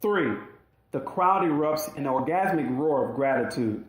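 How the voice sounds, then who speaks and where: A man's voice: medium pitch, expressive, normal speed. A man narrating his own audiobook in an emphatic, dramatic storytelling manner. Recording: roomy echoey recording.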